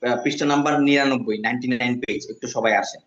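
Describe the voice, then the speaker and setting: Man teaching a slow, repetitive language class. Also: medium pitch, fairly even intonation, a bit bright. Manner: repeats each word slowly, then gives its meaning. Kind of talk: classroom lesson. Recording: echoey, dull lo-fi sound.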